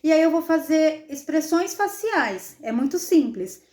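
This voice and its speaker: A woman's voice: high-pitched, lively intonation, measured pace, a little mellow. A woman with a Brazilian Portuguese accent, a child development specialist giving an instructional demonstration. She explains each step and keeps checking in with frequent tag questions. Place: indoor room, playing with a baby. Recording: roomy echo.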